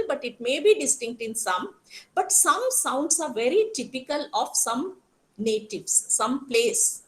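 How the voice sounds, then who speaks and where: A woman from Karnataka with a strong South Indian accent, teaching an interactive online class, explaining haltingly and putting questions to students. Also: sits high, poor audio. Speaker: college teacher.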